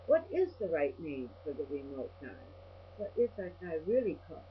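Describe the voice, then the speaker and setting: Very animated yet at a normal pace, an older woman with a low voice rants her way through a rambling, personal vlog monologue, blunt and salty. A faint electrical hum sits behind the dull, lo-fi audio.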